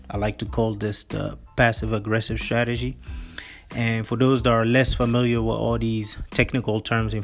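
A man hosting a solo finance podcast, explaining things earnestly and often stumbling over repeated words. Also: lowish voice. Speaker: podcast host.

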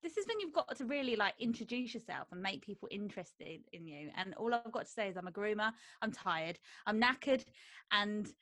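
A woman with a south London accent co-hosts a casual podcast. She is chatty, jokey and quick to put herself down. Her voice sits at a middle pitch, recorded very dry with little room sound. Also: expressive, a bit bright, no room sound. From Croydon, south London. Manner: chatty, self-deprecating, jokey. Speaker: podcast co-host.

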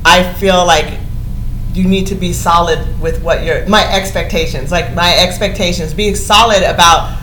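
Forties woman hosting a livestream, animated and laughing, in a roomy space. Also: fairly low pitch, background noise. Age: 40s. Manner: laughing, animated, drawn-out pauses. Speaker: host. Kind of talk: casual livestream chat.

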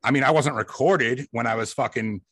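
A man's voice: medium pitch, brisk, fairly bright tone, slightly rough, dry recording. A man hosting a podcast, chatting casually in an easygoing, agreeable way. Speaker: podcast host.

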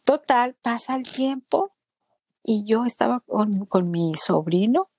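A woman tells a personal story in conversation, earnest and lively, speaking about her faith. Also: a little high, slow pace, breathy edge, no room sound. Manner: animated, acts out other people's words in quotes.

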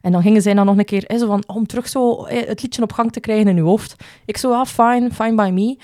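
A woman with a Flemish accent and a low alto voice, co-hosting a podcast and telling stories in a lively way, swearing now and then. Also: fairly quick, no echo, studio quality. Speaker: podcast co-host. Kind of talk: casual podcast chat.

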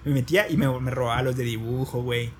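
A man's voice: medium pitch, fairly even intonation, fast talker, a little hiss or hum. A young man with a Mexican accent telling a funny story in slangy, casual chat. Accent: Mexican Spanish. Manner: slangy storytelling, laughing asides.

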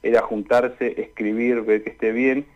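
A young adult Argentine man who makes student radio drama calls into a radio show for a conversational interview. He answers hesitantly and haltingly in a mid-range voice with flat delivery. The call-in audio sounds dull and lo-fi.

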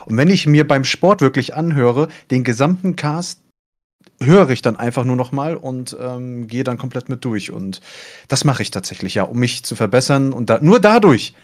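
A man who commentates esports, chatting casually and letting his voice deliberately rise and fall as he talks. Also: animated, darkish tone. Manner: deliberately rises and falls in pitch while telling. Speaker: esports caster. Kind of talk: casual podcast chat.

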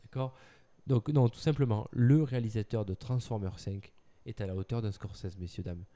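A man with a very dark, mellow voice chats casually about film news. He is playful and teasing, often laughing as he quizzes his co-host. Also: lowish voice, moderate pace.

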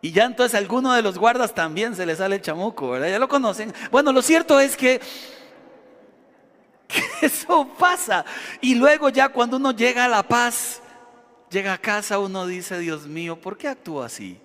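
Animated pastor, high voice. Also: male voice, moderate pace. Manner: animated, acts out shouting crowds. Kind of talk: sermon. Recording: long hall reverb.

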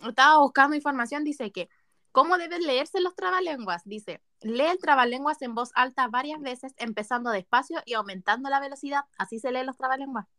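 A woman's voice: high voice, a little fast, bright, forceful tone, no echo, clean studio sound. A young Chilean woman co-hosting a casual chat among friends, playful and stumbling over tongue twisters. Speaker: podcast co-host.

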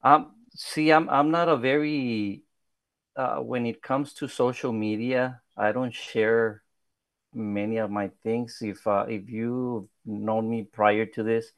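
In a podcast interview, a South Texas political candidate in his thirties, a native Spanish speaker with a Spanish accent, talks slowly with fairly even intonation in a mid-range voice. He comes across modest and soft-spoken, using many fillers and restarts. There's no echo.

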